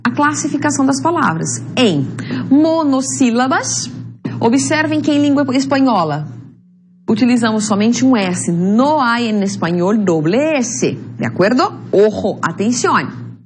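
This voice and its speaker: A woman teaching a language lesson, explaining step by step, checking in with "ok?", and drawing out example words slowly. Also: on the high side, expressive, soft background music. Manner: switches between Portuguese and Spanish, stretches out example words. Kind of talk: recorded classroom lesson.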